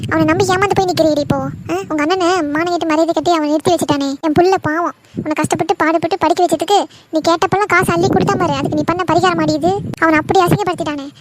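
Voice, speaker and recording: A woman voicing an angry, scolding middle-aged mother in a cartoon drama, shrill and bitter. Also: fairly even intonation, racing, background noise. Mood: furious. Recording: background music under voice.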